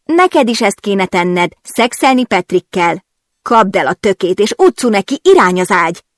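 A woman doing a giddy loudmouth girlfriend, higher and pushier than the reader, dry close sound. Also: big pitch swings, no room sound, lightly acted. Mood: bossy teasing. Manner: blunt, giddy and teasing. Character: brash, carefree young woman friend, gossipy.

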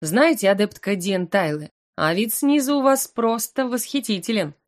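A woman's voice: mid-range voice, moderate pace, close to an everyday voice. A woman reading the lines of a teasing, seductive male incubus professor in an audiobook, with a purring, playful manner.

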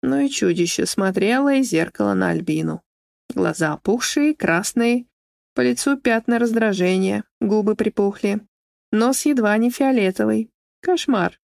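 A woman reading an audiobook aloud in an expressive storytelling manner. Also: normal speed, vocal fry, dry recording, clean studio sound. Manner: expressive, shifting into shrill character voices. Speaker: audiobook narrator. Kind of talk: scripted narration.

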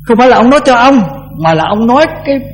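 An older man, a Buddhist monk, giving a conversational dharma talk that often repeats words and slows down to chant verses. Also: very high-pitched, expressive, a little hiss or hum, poor audio.

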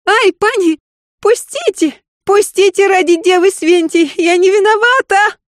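A woman's voice: high-pitched, normal speed, a little mellow, no room sound, clean studio sound, pitched above the performer's own voice, close to an everyday voice. Woman doing timid frightened maid. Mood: terrified. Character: timid young housemaid, frightened, pleading.

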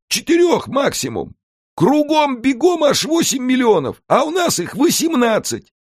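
A man voicing an excitable, scheming male house brownie in an audiobook, brash and wheedling. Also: sits high, no echo, clean studio sound, voice pushed up. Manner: fast-talking, brash, wheedling. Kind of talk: audiobook character voice.

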